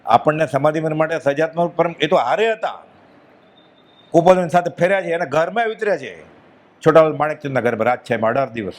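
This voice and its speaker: Man, Gujarati accent, devotional discourse, emphatic, fairly high-pitched. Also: lively intonation, fast. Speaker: spiritual speaker.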